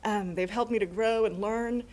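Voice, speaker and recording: A woman's voice: medium pitch, steady tone, moderate pace, a little mellow, low-quality recording. A middle-aged American woman giving an informal, conversational thank-you speech as a new assistant principal, a little hesitant. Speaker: newly appointed assistant principal.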